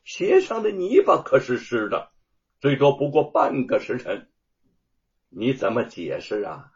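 A male storyteller playing a hot-tempered old master of a house, blustering and shouting accusations. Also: mid-range voice, wildly swooping pitch, very slow, exaggerated voice. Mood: furious. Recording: dull lo-fi audio.

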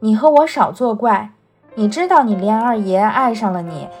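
Woman voicing a brisk, bossy young noblewoman. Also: a little high, darkish tone, soft background music, natural voice. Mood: bossy teasing. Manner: brisk, commanding, teasing. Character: bossy, witty young noblewoman household manager.

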